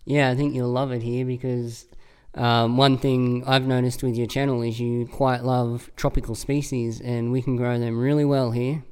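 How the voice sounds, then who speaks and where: A man's voice: mid-range voice, level tone, normal speed, a little mellow, smooth. A man hosting a podcast and interviewing his guest in an easygoing, chatty way. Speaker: podcast host. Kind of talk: casual interview.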